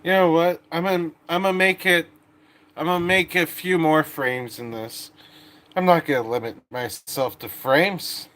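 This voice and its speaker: A man's voice: fairly high pitch, normal speed, a bit bright. A man with a laid-back stoner drawl, rambling casually and swearing as he comments on his own work. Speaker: animator narrating his own work session. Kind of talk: casual unscripted commentary while working.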